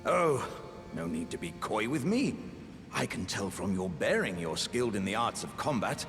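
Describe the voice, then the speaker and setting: With music playing behind him, a British-accented man with a lowish, very animated voice plays a living warrior jar in a theatrical fantasy game style. At a moderate pace, the character sounds hearty, pompous and good-natured, grandiose and jovial, using old-fashioned gentlemanly phrasing.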